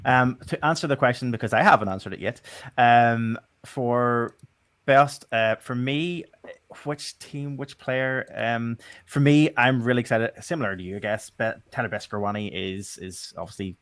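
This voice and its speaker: A man's voice: medium pitch, normal speed, fairly bright tone, no room sound. A man from Northern Ireland hosting a casual podcast chat, rambling with many ums and restarts. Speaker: podcast host.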